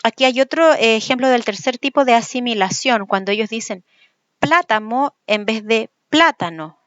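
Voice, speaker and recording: A woman teacher gives a recorded lecture, explaining patiently and slowly repeating example words. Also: on the high side, animated, a bit bright, dry recording, muffled recording. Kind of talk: recorded lecture on speech sounds.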